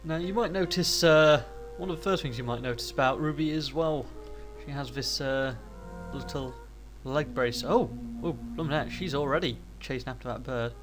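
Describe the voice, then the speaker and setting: Over music, a medium-pitched man with a cold talks at normal speed with hardly any pauses. He's hosting a casual let's play, and his commentary is hesitant and rambling, with many restarts and self-corrections as he talks his thoughts through.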